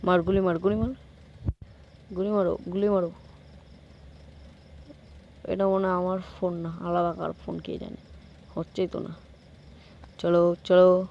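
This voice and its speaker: A man talks his way through a shooting game in real time, getting worked up and barking quick repeated orders at himself. He drops self-mocking asides to his viewers as he plays, and a faint hiss sits under his voice. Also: sits high, vocal fry, lo-fi sound. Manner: excitable, urging himself on with repeated short commands. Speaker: gameplay streamer. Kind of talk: live gameplay commentary.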